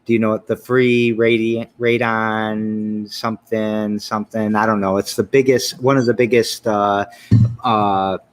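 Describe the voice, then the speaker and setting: The show host, a man with a Michigan accent, leads a casual interview in a lowish voice with little pitch movement, talking a little slowly. He's enthusiastic and rambling, trailing off and restarting as he works through his thoughts.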